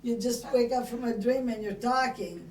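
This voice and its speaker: This older Italian woman, a native speaker of an Italian dialect, recalls her past casually and haltingly for an oral-history interview. Her accented voice is fairly high, steady and somewhat dark as she chats through her stories. The recording is echoey, with a distant mic and background noise.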